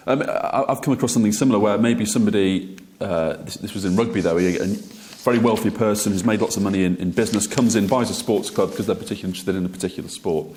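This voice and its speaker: Guy interviewer, quick talker, keeps stumbling "so, so, so" into his questions. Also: on the low side, a little mellow. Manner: quick, stammering repeats while forming questions. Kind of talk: live stage interview. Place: festival stage interview, indoors.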